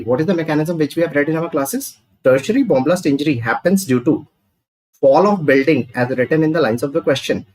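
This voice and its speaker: A man with a North Indian accent teaching an exam review class, posing questions and answering them in a didactic way. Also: on the high side. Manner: didactic, asks questions and answers them, repeats key points; mixes Hindi phrases into English. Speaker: medical lecturer. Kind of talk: exam review lecture, live online class.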